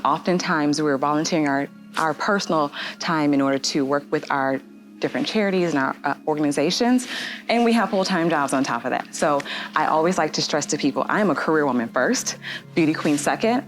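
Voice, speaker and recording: A young woman from the United States, with a notably low voice, joins a casual panel chat. She speaks confidently, poised and articulate. Soft music sits faintly underneath. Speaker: panel guest.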